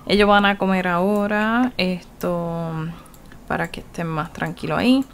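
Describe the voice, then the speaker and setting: A woman's voice: on the low side, unhurried, a little hiss or hum. A woman with a Puerto Rican Spanish accent giving casual, chatty gameplay commentary, laughing often and voicing her game characters. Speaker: gaming YouTuber.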